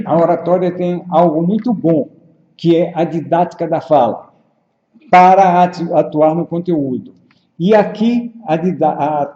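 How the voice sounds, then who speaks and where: A man coaching public speaking, explaining at a measured pace with frequent pauses and tag questions. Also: fairly high pitch, dark tone. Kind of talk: explanatory lesson at a whiteboard. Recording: roomy, echoey, dull lo-fi sound.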